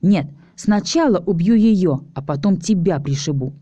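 A jealous young woman with a sharp tongue, as a female reader puts her on snipes and flares up loudly. The voice is mellow and a little low, recorded dry and close. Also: lively intonation, moderate pace, husky, no room sound, muffled recording. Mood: furious. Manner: snide, shouting in anger.

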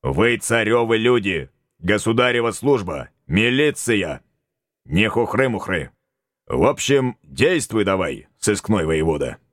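A man's voice: fairly low pitch, very animated, a little slow, dry recording, studio quality. A man voicing a folksy, bossy tsar in an audiobook, talking bluntly in homespun old-fashioned speech. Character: folksy bossy male tsar, middle-aged. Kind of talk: audiobook character voice.

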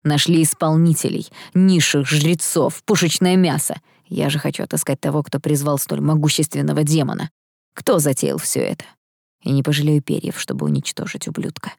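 A woman reading a haughty young half-angel man from a storybook, flippant and mocking. The voice sits low with a dry, close sound. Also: lively intonation, moderate pace, gravelly, a little mellow, breathy edge, no room sound, exaggerated voice. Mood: grim.

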